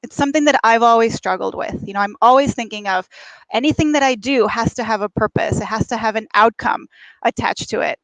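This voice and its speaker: A woman's voice: on the high side, a little fast, a bit bright, no room sound, poor audio. A woman from Mexico who works as a life coach, hosting a conversational livestream. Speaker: host, life and career coach. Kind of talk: conversational livestream monologue and interview. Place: at a beach.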